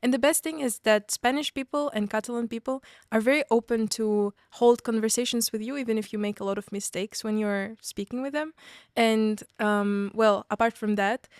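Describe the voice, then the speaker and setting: A woman's voice: on the high side, steady tone, normal speed, no room sound, clean studio sound. A woman in her twenties from Kazakhstan, a student guest on a podcast, talking with enthusiasm. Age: 20s. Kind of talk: casual podcast chat.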